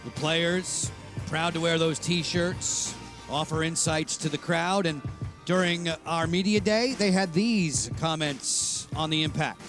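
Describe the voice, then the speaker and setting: Play-by-play man, slightly high voice, steady broadcast read over background music. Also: takes it slowly, rough recording. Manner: steady, informative broadcast delivery. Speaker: play-by-play commentator. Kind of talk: live sports commentary.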